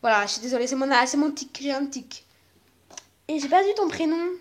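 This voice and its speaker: A woman voicing a loud, tomboyish young woman with a put-on Marseille accent, rambling and boastful, in a toy video role-play. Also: high voice, lively intonation, brisk. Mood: chatty.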